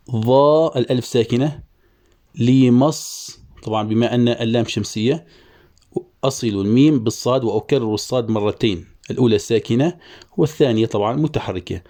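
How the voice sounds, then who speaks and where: Mellow-voiced man teaching poetic meter. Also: medium pitch. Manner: slow deliberate syllable-by-syllable scansion, drawn-out chanting of syllables. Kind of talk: Arabic prosody lesson.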